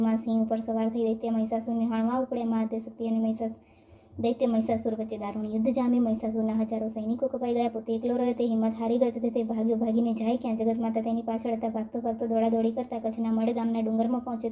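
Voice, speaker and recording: A woman with a Gujarati accent reading a devotional story aloud in a steady, even storytelling manner. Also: on the high side, rapid-fire. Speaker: narrator.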